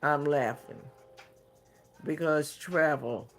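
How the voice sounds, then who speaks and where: A man on a craft livestream works through viewer comments at a very slow, easy pace, often pausing and thinking aloud as he answers. His voice sits a little higher than most men's. Soft music plays faintly underneath. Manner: unhurried, hesitant, thinking aloud between comments.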